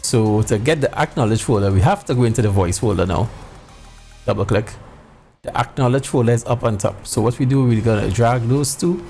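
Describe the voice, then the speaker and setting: A man's voice: medium pitch, a little fast, darkish tone, faint music behind. A middle-aged man giving a casual tutorial to viewers, informal and repeating phrases for emphasis. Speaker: sim racing video host. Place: indoor home room.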